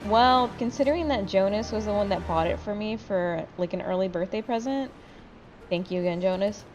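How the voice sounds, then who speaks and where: Over a dull, lo-fi voice chat with faint music behind, a woman who is the host and player of a gaming video talks casually with friends, exhausted, rambling and swearing. She speaks a little fast at medium pitch, with a darkish tone.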